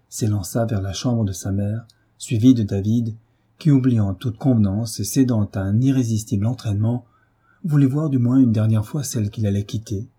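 Solemn man with a dark, husky voice. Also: lowish voice. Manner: measured, solemn storytelling. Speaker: narrator. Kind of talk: audiobook reading of a 19th-century novel.

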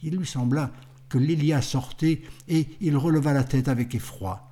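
A man narrating a literary audiobook in a measured, unhurried manner. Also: on the high side, dark tone.

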